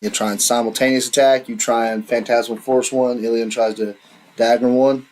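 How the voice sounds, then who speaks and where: A man's voice: medium pitch, level tone, normal speed, darkish tone, poor audio. A man running a tabletop game as dungeon master, explaining rules patiently.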